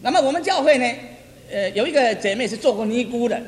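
A man's voice: extremely high pitch, fast. A man preaching a testimony sermon, telling stories animatedly, repeating phrases and chuckling. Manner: repetitive, animated storytelling with chuckles. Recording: reverberant hall, faint noise.

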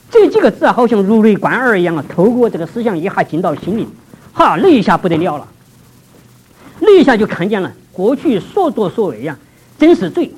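A man preaching a personal testimony, telling his story vividly and swinging between hushed and raised passages. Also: sits high, husky, rough recording. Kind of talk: testimony sermon.

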